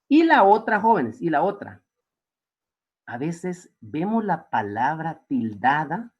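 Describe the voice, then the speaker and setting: A male teacher gives a classroom lecture, his pitch swooping up and down as he peppers the students with questions. The recording sounds dull and lo-fi. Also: very animated, takes it slowly, husky. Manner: rhetorical questions, frequent tag questions.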